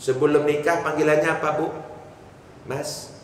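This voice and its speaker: Joking preacher, echoey hall. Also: male voice, fairly high pitch, flat delivery, normal speed. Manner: joking, asks the congregation questions. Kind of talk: humorous sermon to a congregation. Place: mosque hall. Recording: echoey hall from far off, faint noise.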